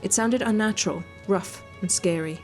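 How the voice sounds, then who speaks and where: This is a woman on a game stream who reads visual novel text aloud expressively, breaking in with teasing, foul-mouthed wisecracks. Her mid-range voice moves at a moderate pace, and game music runs beneath it.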